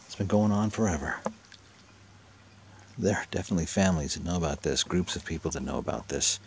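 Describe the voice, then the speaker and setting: A man kayaks along a rocky lakeshore looking for a lake monster, chatting excitedly to the camera in a low-pitched voice at a slightly quick pace. His casual first-person narration often sinks to a whisper. Water and paddling sounds come through on the outdoor camera audio.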